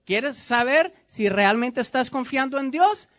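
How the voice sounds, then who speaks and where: A man's voice: extremely high pitch, animated, measured pace, fairly bright tone. A man preaching a sermon as pastor, emphatic and repetitive, speaking directly to his congregation.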